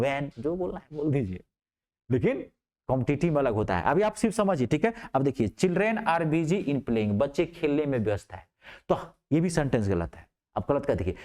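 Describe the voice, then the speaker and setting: A man with an Indian accent teaching English grammar, asking questions and answering them himself, and reading example sentences out slowly. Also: a little high. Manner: lively, asks questions and answers them himself, drills words. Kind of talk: classroom lecture.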